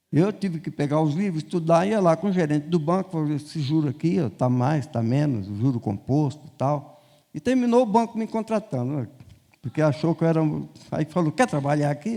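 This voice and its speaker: High-voiced, lively Brazilian preacher in reverb. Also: male voice, a little fast. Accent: Brazilian Portuguese. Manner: animated, acts out dialogue in quoted voices. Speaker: bishop preaching. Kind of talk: storytelling sermon. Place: church sanctuary. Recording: long reverb in a church hall.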